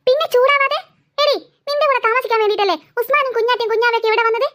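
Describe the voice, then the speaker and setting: A sharp-tongued cartoon mother scolds and mocks her daughter. The voice sits very high and sounds bright and sharp. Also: rapid-fire. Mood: scolding. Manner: scolding, sarcastic. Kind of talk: cartoon voice acting.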